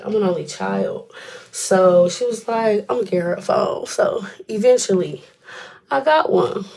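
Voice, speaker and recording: A woman's voice: fairly high pitch, creaky, a little mellow, low-quality recording. A woman in her twenties tells a personal story in a chatty, colloquial way, rambling and dropping in little asides as she goes. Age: 20s.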